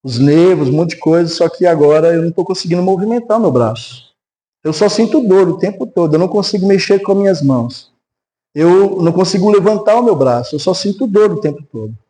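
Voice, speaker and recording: In a church sanctuary, a pastor with a Brazilian Portuguese accent preaches a sermon, telling a testimony and leading a prayer. His high voice moves a little fast, and he tells the story animatedly, acting out quoted voices. The recording quality is low.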